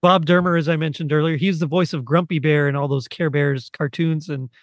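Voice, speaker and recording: A man talking as a podcast guest in a casual chat, chatty and quick to laugh. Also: a little high, fairly even intonation, no echo, clean studio sound.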